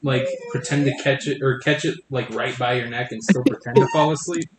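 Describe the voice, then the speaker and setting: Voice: medium pitch, fairly even intonation, fairly quick, over a noisy crowd. A player in a casual tabletop game chat, giggly and chatty. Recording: echoey noisy room.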